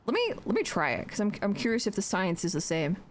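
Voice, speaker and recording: A woman's voice: mid-range voice, huge pitch swings, quick pace, a little hiss or hum. A young adult woman streamer chatting casually while building in a game, joking, swearing freely and talking to herself.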